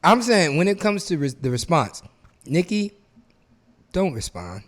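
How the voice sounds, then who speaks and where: Emphatic man with a slightly high voice. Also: very animated, measured pace. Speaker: podcast co-host. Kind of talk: casual chat.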